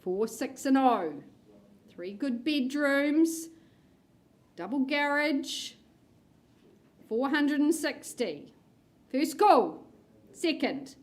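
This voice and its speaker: A woman with a high voice runs a live auction. She calls the numbers unhurriedly in a bingo-caller manner, with playful, coaxing patter between bids. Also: expressive, very slow, long pauses. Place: room with bidders present.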